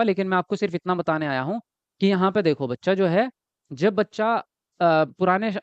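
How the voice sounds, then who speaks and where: A man teaching an exam-prep class online, lively and repetitive, often checking whether his students follow. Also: high voice, dry recording, muffled recording. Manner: lively, repeats words and asks students if they follow.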